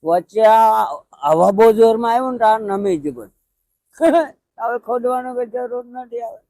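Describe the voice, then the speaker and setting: Elderly man from Gujarat, high thin voice, dry close sound; halting and plaintive, repeats himself. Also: warm tone, dry recording. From Pavagadh, Gujarat. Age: older. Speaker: interviewee. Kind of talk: emotional conversational interview. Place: outdoors by a roadside hut.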